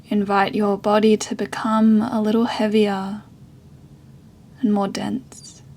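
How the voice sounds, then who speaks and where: With long pauses and no rush, a female meditation guide speaks in a very even pitch. Her voice is breathy and soft, and she works as a yoga and meditation teacher.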